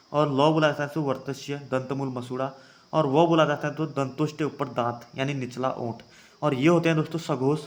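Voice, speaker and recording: A young man teaching an exam-prep grammar lesson, calling his viewers friends and having them try each sound aloud. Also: medium pitch. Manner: addresses viewers as friends, repeats points.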